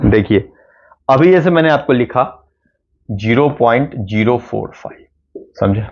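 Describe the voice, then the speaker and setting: A man's voice: medium pitch, expressive, unhurried. A man teaching a math lesson for exam preparation, explaining step by step and often checking that the class is following. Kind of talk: exam-prep math lecture. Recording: dull lo-fi recording.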